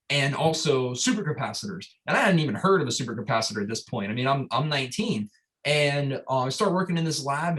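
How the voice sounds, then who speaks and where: A man's voice: mid-range voice, fairly bright tone. A young man from Florida, a startup founder, telling his story in a casual interview, enthusiastic and rambling with lots of fillers and restarts.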